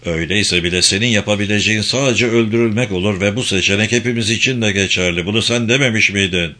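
A man's voice: fairly low pitch, fast, bright, forceful tone. A man voicing a firm, level-headed commander in an audiobook who insists his friend stay put.

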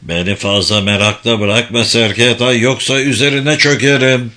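A brutal, greedy commander, voiced by a male audiobook reader in a blunt, gloating tone. The pitch sits mid-range for a man, near the reader's everyday voice. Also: fairly even intonation, moderate pace, sharp tone, lightly acted. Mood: brusque.

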